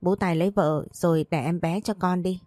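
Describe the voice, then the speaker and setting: Little clingy orphan girl in a storybook, read by a woman in a low warm voice. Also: fairly even intonation, brisk, no room sound, studio quality, lightly acted.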